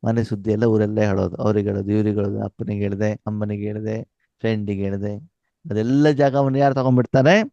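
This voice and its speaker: Low, mellow-voiced male spiritual teacher. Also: fairly even intonation, fast, vocal fry, no room sound, dull audio. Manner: asks questions for the audience to complete; mixes Hindi phrases into his talk. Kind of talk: spiritual class.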